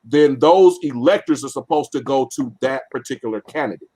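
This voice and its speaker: A man's voice: medium pitch, a little fast, dark tone. A man with a mid-range voice co-hosts a casual political discussion. He explains terms and the voting process step by step, with frequent fillers and small restarts. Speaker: podcast co-host.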